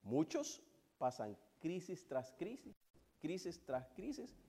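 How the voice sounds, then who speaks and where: A man preaching a sermon, moving between hushed, drawn-out passages and loud, fervent build-ups. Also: a little high, wildly swooping pitch.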